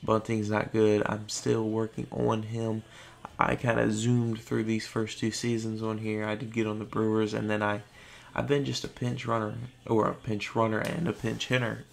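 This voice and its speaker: A tired man hosting his gaming channel, talking casually in a low-key monotone over gameplay late at night and now and then tripping over his words. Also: normal speed, gravelly.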